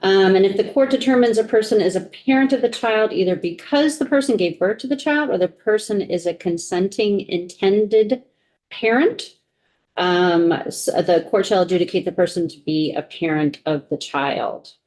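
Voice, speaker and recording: A woman serving as legal counsel at a committee hearing, going through a bill section by section in a halting way, thinking aloud. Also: mid-range voice, a little mellow, poor audio. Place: legislative committee room.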